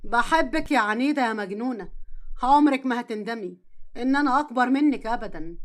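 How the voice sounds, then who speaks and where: A woman voicing a stern, reserved man in his thirties with an Egyptian accent, gruff and curt, then softly tender, in a storytelling drama. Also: high-pitched, lively intonation, fast. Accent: Egyptian Arabic.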